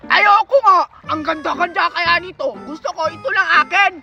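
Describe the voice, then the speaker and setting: A performer voicing a greedy, bratty little girl who whines and shouts. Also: extremely high pitch, normal speed, creaky, far from the mic, highs cut off, heavily acted. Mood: bickering. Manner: whiny, shouting, grabby. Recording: music playing behind.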